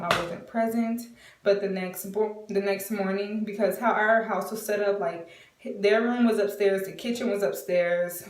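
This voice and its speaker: A woman in her twenties telling a casual storytime, chatty and full of fillers, acting out what people said. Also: lowish voice. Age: 20s. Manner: chatty, many fillers, acts out quotes. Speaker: vlogger. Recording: roomy, from a distance.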